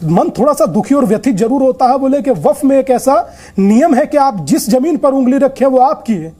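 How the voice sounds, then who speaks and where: A man's voice: extremely high pitch, lively intonation, moderate pace, warm tone. A man arguing insistently as a religious guest on a heated TV news debate, often talking over the other guest.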